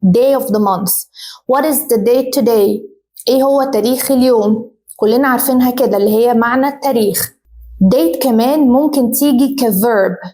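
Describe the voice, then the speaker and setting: A young woman with an Egyptian Arabic accent teaching English vocabulary in a vlog-style lesson, switching to slow, careful English for example sentences and repeating them. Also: on the high side, mellow, poor audio.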